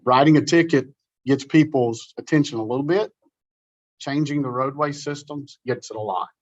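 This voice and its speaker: A middle-aged man giving an informal, animated conference talk, folksy and storytelling. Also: mid-range voice, moderate pace, no room sound, highs cut off. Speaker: conference presenter. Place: meeting room.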